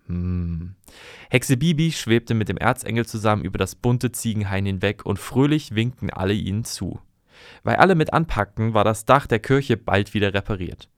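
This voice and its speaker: Low-voiced man telling a fairy tale. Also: no room sound, studio quality. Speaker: storyteller. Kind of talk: reading a fairy tale aloud.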